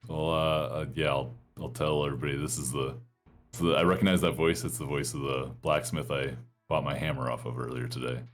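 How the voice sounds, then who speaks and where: A man playing a tabletop game, chatting casually with halting, tentative phrasing. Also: very deep voice, steady tone, faint music behind. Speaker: player.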